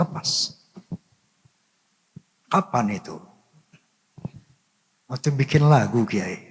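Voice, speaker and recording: An older man earnestly telling a personal story, full of pious phrases, sometimes dropping to a soft murmur. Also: mid-range voice, slight background noise. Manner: devout, full of religious phrases. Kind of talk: emotional storytelling. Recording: long hall reverb.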